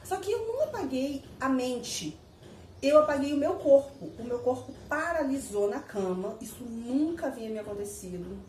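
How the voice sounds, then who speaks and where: A woman casually telling her viewers a personal story, animated and repetitive, laughing as she goes. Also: high voice, normal speed, a little hiss or hum. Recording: echoey room, mic at a distance.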